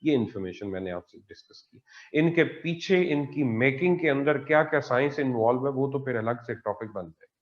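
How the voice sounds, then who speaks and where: Male science teacher, patient and repetitive, mid pitch, dull lo-fi online audio. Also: lively intonation, fairly quick. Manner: patient, repetitive explaining with frequent "theek hai ji". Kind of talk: online class lecture.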